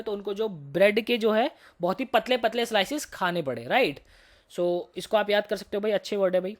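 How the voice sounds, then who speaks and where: A woman teacher with a slightly hoarse throat, giving a vocabulary lesson. She explains words in Hindi mixed with English, checks in with students often, and reads English example sentences slowly. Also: mid-range voice. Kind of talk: vocabulary lesson for entrance exams.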